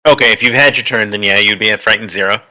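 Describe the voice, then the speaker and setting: A man acting as game master in a tabletop game, relaxed and halting, calling turns. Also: lowish voice, low-quality recording. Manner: relaxed, halting, with silly put-on enemy voices.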